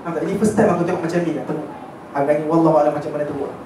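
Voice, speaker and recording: Talking very fast in a fairly high voice, he turns a religious class into casual storytelling. He's chatty, keeps checking in with listeners, and slips in English words. The sound comes from a distant mic in an echoey hall with faint noise.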